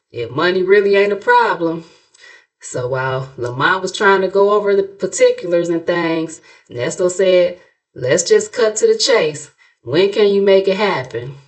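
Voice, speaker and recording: Unhurried and expressive, with a fairly low pitch, this middle-aged American woman hosts a YouTube commentary channel as narrator. Her style is colloquial and gossipy, full of sassy, playfully mocking, dramatic storytelling.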